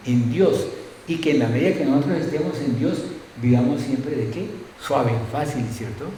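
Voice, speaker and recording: A man's voice: medium pitch, mellow, a little hiss or hum. A middle-aged male pastor preaching a sermon conversationally, with frequent tag questions and acted-out anecdotes. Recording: very echoey church room.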